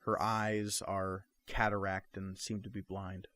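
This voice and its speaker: Male game master, low voice, measured scene-setting narration. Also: little pitch movement, fairly bright tone.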